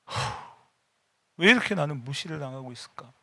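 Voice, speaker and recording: A middle-aged male pastor preaches in a church with a bright, forceful, gravelly voice. His pitch swings widely as he goes from casual, personal talk to loud prayers. The sound is dry and close. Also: animated, fairly quick, no room sound. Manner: emphatic and personal, mixing casual speech with sudden loud bursts of prayer. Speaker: senior pastor. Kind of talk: afternoon church sermon. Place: church sanctuary.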